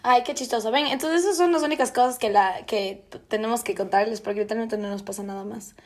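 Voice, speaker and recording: Teasing woman podcast co-host. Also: on the high side. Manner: teasing, quick interjections. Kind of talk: casual chat.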